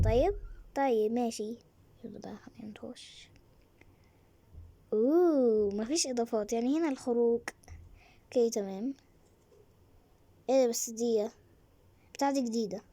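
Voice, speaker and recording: A woman's voice: fairly high pitch, normal speed, pauses often, slight background noise. A woman with an Egyptian Arabic accent, hosting casual, chatty gameplay commentary with lots of fillers. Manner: chatty, excitable, with many fillers. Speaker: gaming channel host.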